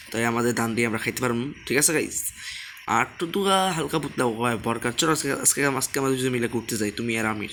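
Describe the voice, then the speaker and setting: A man rattles through casual gameplay commentary at a quick clip. He keeps his voice deliberately soft and circles back again and again to asking viewers to subscribe. A faint hiss of noise sits under the recording. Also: mid-range voice. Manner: talks softly on purpose. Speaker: gaming channel host.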